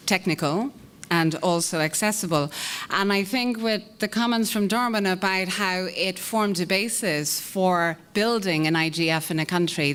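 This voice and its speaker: An Irish woman with a fairly low, slightly bright voice introduces speakers on a conference panel she's moderating. She keeps things friendly and self-deprecating, speaking in a conference meeting room.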